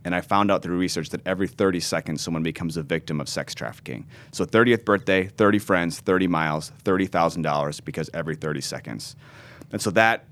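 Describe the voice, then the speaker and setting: Speaking earnestly in an interview, a pastor in his thirties describes his journey as a ministry founder, and he often restarts his words. He has a deep voice with a slightly bright quality.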